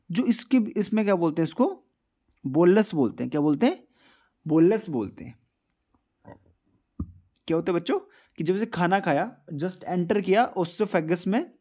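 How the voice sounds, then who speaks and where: Dark-voiced male teacher quizzing kids. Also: sits high. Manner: asks questions and answers them himself; addresses children, mixes English terms. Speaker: school science teacher. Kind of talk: classroom-style video lesson.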